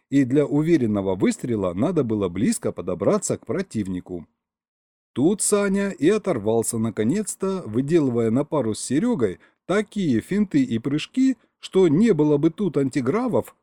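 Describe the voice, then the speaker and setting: A man reading a first-person science fiction story aloud with expressive storytelling. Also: medium pitch, dry recording, clean studio sound. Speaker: audiobook reader. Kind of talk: scripted first-person narration.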